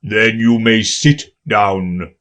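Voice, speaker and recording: A man voicing a pompous, fretful king in a storybook reading, slow and grave. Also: fairly low pitch, fairly even intonation, a bit bright.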